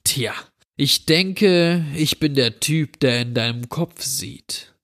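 A sinister intruder with a slow, drawn-out way of speaking, as a man voices him. He sounds cold and mocking in a storybook horror tale, and his voice sits in a middle register. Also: medium pitch, fairly bright tone. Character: menacing drawling male intruder who grants wishes.

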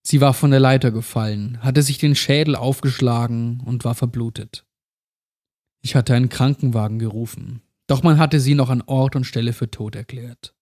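A man narrating a first-person horror story in a measured, somber way. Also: mid-range voice, fairly even intonation, darkish tone.

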